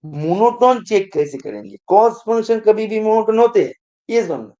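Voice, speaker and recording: A man's voice: high-pitched, sing-song, normal speed, warm tone, muffled recording. A man teaching math in an exam-prep lecture, who keeps quizzing the students and repeating his prompts to pay attention.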